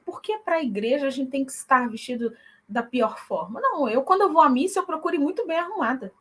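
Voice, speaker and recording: Young woman guest, earnest conversational tone, tag questions, high bright voice. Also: lively intonation, fast talker. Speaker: guest, church singer. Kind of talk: conversational interview.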